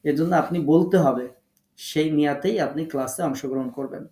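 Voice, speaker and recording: Guy teaching an online class, bit high voice, patient step by step, echoey room. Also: mellow. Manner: patient, explains slowly step by step. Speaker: Quran recitation teacher.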